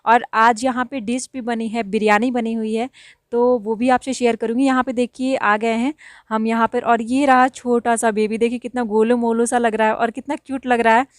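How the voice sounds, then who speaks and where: A woman talks through a casual vlog in a chatty, easy way with gentle laughs, her voice a little high. The sound is dry and close. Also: flat delivery, moderate pace, dry recording. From India. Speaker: vlogger. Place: village home.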